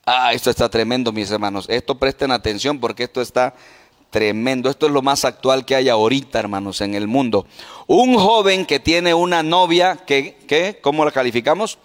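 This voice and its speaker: A man's voice: mid-range voice, normal speed, in a large hall. A man preaching a sermon as pastor, putting questions to the congregation.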